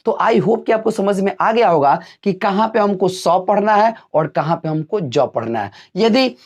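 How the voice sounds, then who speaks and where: A man's voice: animated, normal speed. A man teaching an English pronunciation lesson, asking the class questions and answering them himself. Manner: drills with repeated questions, answers dropping low.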